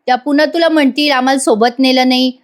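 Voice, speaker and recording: A woman's voice: high-pitched, steady tone, fast, lightly acted. A woman voicing a cheeky young man who teases his mother. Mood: teasing. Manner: teasing, joking. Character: teasing young married man, cheeky son.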